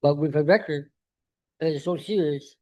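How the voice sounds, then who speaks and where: A man in his late fifties speaks up from the audience, pressing his point and circling back to it again and again. His voice sits fairly high for a man, with a dark, mellow tone. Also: normal speed. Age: 50s. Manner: insistent, emphatic, repeats himself. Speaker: audience member asking a question. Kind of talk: public Q&A question.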